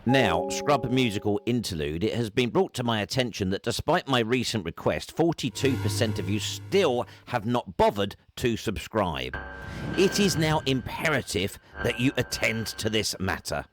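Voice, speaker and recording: Man, scripted voiceover, mock-formal, dry, animated pitch. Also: moderate pace. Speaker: narrator.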